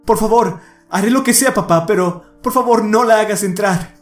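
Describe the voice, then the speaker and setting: A man voicing a terrified young man who begs desperately in a horror story reading, his voice high and frantic. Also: moderate pace, echoey room, faint music behind, natural voice. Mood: pleading.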